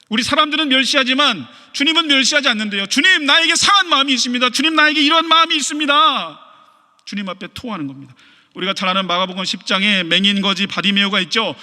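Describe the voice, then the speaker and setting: A male pastor preaches in a high, very bright, sharp voice and keeps putting questions to his listeners. His words ring out through the long reverb of a church sanctuary. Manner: asks the congregation rhetorical questions. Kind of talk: sermon.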